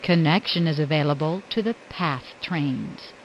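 A woman's voice: low-pitched, unhurried. A woman reading scripted train announcements, with words and phrases spliced together in a choppy way. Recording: muffled recording with faint background noise.

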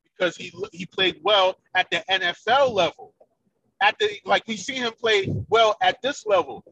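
A man's voice: high voice, lively intonation, normal speed, gravelly, bright, forceful tone, breathy edge. A man calling in over a clipped, cutting-out phone line, stammering and repeating words in a casual sports debate. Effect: clipped, cutting-out phone call line. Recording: dull remote call line, far from mic.

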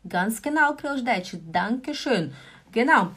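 A woman from Brazil teaching German in a casual online lesson, chatty and patient, repeating examples slowly and checking in with her viewers. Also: on the high side, lively intonation, fairly bright tone, breathy edge. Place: lives in Switzerland.

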